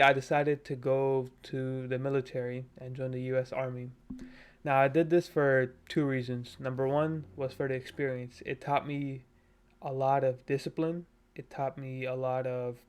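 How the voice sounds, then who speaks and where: Speaking into a cheap USB desk mic in his bedroom at his parents' home, this vlogger from Nepal, in his twenties, talks through a self-improvement video. His voice is smooth and medium in pitch. The delivery is earnest, self-motivational and relaxed, full of fillers.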